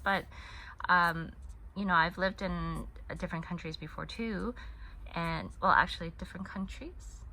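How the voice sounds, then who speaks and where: A woman in her thirties, raised in the US with Korean as her first language, hosts a crochet channel and chats casually from her home in Hong Kong while she crochets. Her voice is lowish, bright and forceful, and she rambles, often restarting her sentences. The recording is rough.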